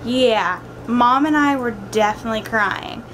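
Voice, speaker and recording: Young female vlogger, slightly high voice, informal rambling chat, recorded at home with background noise. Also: a bit bright, low-quality recording. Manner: informal, drawn-out asides with frequent "like" and "kinda". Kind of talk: casual daily vlog chat. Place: at home, indoors.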